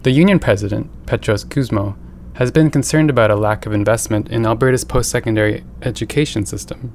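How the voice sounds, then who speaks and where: Gravelly-voiced male news reporter. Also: fairly low pitch, fairly quick, slight background noise. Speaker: radio reporter. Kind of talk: scripted news narration.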